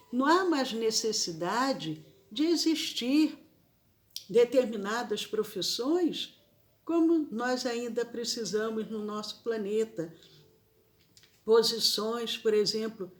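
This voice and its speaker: A woman from Brazil leading a spiritist gospel study, speaking slowly and repeating key phrases for emphasis. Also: fairly high pitch.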